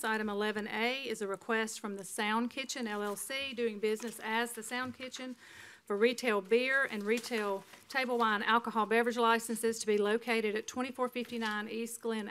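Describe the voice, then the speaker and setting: A woman's voice: on the high side, steady tone, brisk, a bit bright. A woman reading out agenda items formally as an official at a council meeting. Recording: clearly noisy meeting-room recording.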